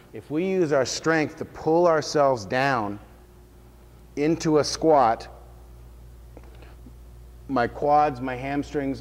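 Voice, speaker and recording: Man teaching fitness in a reverberant hall. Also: mid-range voice. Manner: casual and explanatory, checks in with listeners. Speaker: fitness trainer. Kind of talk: informal workshop talk to a group.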